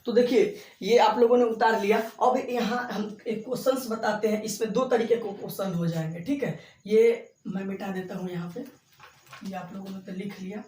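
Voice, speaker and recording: A man teaching a school exam lesson at a board, explaining slowly and repeating himself, drawing out single sounds to demonstrate them. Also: high-pitched, darkish tone. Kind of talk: blackboard lesson for school exams. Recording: echoey room, voice far from the mic.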